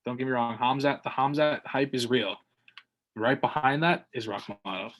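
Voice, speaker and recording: A man's voice: mid-range voice, normal speed, fairly bright tone, a little hiss or hum. A man co-hosting a fight podcast in casual chat, rambling with fillers and restarts. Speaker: podcast co-host.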